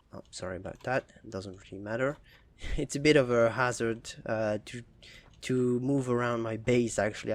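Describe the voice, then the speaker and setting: A young man casually commenting over his own gameplay footage as a gaming channel host, relaxed and hesitant, with many fillers and restarts. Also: medium pitch.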